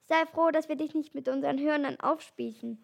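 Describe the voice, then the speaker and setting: A woman's voice: high voice, a little fast, creaky. A woman reading aloud and voicing a group of mocking, threatening rhinos.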